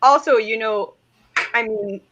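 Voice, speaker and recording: A woman hosting a casual book discussion on a video call, chatty and quick to laugh. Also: fairly high pitch, a little hiss or hum. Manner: chatty, warm, laughs often. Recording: dull lo-fi video call audio.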